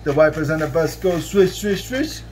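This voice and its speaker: Lying on a bed in a bedroom, a man in his thirties sings a children's song from a book to his child, captured by a camera a few feet away with slight background noise. His voice is on the high side, lively and darkish, at normal speed, playful and sing-song with drawn-out line endings.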